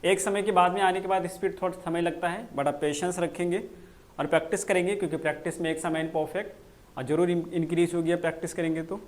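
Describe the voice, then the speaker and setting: High-voiced man teaching grammar live. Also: little pitch movement. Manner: repeats key phrases slowly, answers viewer comments. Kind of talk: live online class lecture.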